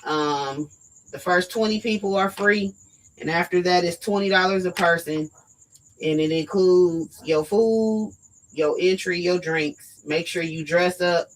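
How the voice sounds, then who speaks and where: A woman hosting a live talk show, talking directly and emphatically to her viewers, her voice going hoarse. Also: fairly low pitch, a little slow, slight background noise, low-quality recording. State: losing her voice. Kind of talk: casual live-stream talk.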